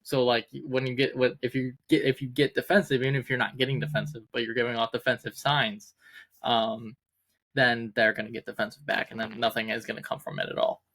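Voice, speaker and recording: A man co-hosting a casual business talk show. He speaks at an ordinary pitch for a man and talks hesitantly, with many fillers and restarts as he works his way to a point. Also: level tone, brisk, a bit bright. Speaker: podcast co-host.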